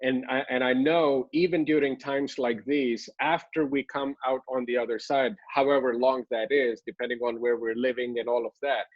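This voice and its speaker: A man, a pastor hosting an interview, asking long questions with halting restarts. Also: medium pitch, flat delivery, no echo. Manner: halting, many fillers and restarts, frequent "mm" and "amen" as backchannel. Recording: dry dull lo-fi sound.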